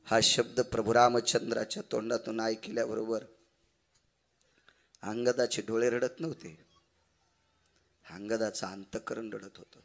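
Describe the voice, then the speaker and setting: A man performing as a kirtankar, preaching a devotional kirtan sermon and swinging dramatically between loud and hushed delivery. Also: lowish voice, level tone, measured pace, creaky, long pauses.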